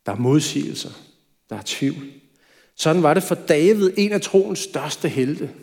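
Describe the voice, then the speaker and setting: Slightly high-voiced male preacher, reverberant. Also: animated, creaky, a little mellow. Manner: conversational preaching with light asides. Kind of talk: sermon. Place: church. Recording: reverberant church hall.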